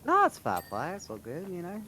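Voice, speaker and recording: A man's voice: sits high, huge pitch swings, brisk, sharp tone, slight background noise. A young man from the English Midlands with a Midlands accent, chatting casually and joking around. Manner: jokey, slips into mock slang and snatches of song. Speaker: guest. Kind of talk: casual chat.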